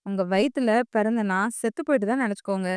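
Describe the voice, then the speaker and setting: A woman voicing a sarcastic, rebellious young man who talks in a low, mocking way. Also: fast, a little mellow, clean tone, dry recording, clean studio sound, natural voice. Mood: bitter.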